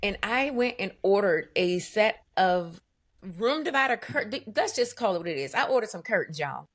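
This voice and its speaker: A woman guest, a business owner, telling her story in an animated, emphatic way with vivid asides. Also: medium pitch, normal speed. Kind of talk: conversational storytelling.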